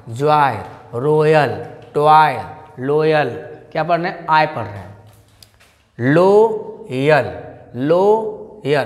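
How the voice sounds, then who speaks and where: A man teaching an English pronunciation lesson in a classroom style, asking questions again and again and repeating example words. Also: fairly high pitch. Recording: long hall reverb.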